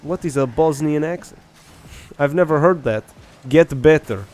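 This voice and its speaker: Faint beats, soft background music, play under this young adult's game-stream chatter as he rambles and thinks aloud, restarting often and asking questions. The Irish streamer's voice is on the high side and a little mellow, at normal speed.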